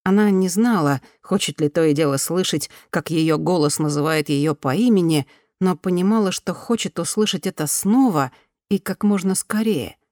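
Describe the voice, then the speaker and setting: Audiobook narrator: woman, calm and even, lower register, dry studio sound. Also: normal speed, dry recording. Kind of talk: scripted narration.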